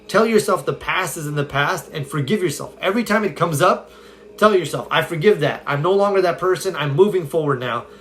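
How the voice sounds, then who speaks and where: Upbeat man, slightly high voice. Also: a bit bright. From California. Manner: upbeat, conversational, reads viewer comments aloud. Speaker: self-help coach. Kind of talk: casual live-stream Q&A. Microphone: phone.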